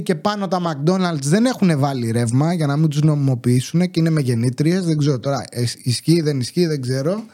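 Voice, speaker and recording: A young man hosting a podcast, telling rambling, sarcastic stories about his neighbors in a casual monologue. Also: sits high. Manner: rambling, sarcastic, animated retelling. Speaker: podcast host.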